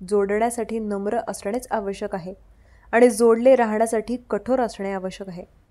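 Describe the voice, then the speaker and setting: Dark-toned woman reading devotional messages. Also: medium pitch, steady tone, moderate pace. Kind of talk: scripted devotional narration.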